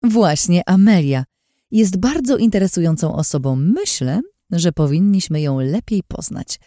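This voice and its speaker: A woman's voice: lowish voice, expressive, measured pace, mellow, no room sound, studio quality, pitched above the performer's own voice. A woman voicing a sweet but scheming young woman who gives orders in an overly sweet, insistent tone.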